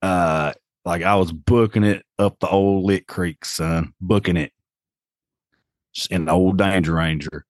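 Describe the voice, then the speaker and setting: A man with an Appalachian accent and a low voice tells a story in a casual podcast setting. His talk is folksy and full of slang, and the sound is close and dry. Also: steady tone, a little slow, dry recording. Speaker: podcast host.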